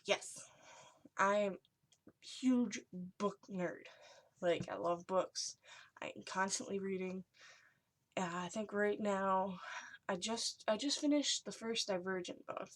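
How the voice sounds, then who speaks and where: Young woman vlogger in a hushed, whispery voice. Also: mid-range voice, slow pace. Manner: hushed, whispery delivery, as if sharing secrets. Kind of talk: casual chat, reading and reacting to short messages.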